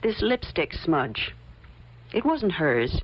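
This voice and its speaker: Fairly low, slightly rough and sing-song, an actress's exaggerated voice moves slowly as she plays a shrewd woman investigator in an old-time radio mystery. Coolly confident, she insists on her theory in a pointed, accusing way. The old recording sounds muffled.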